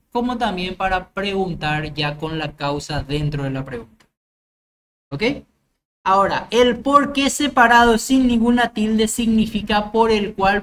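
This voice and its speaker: A woman teacher, walking through grammar rules one by one with examples. She keeps stopping to ask whether the class follows. Faint noise sits under her voice. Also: on the low side. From Paraguay. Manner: explains step by step with examples, checks understanding. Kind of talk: grammar lecture.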